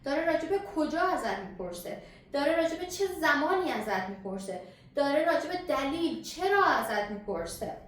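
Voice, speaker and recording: A woman teaching an English grammar lesson, slowly stretching out example sentences and often checking in with "okay?". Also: high-pitched, big pitch swings. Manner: checks in with "okay?" and asks questions back. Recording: very echoey room, faint hiss.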